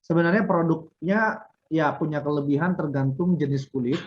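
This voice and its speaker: A man hosting a casual podcast interview, asking relaxed, prodding questions. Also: a little high, normal speed, highs cut off. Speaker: podcast host.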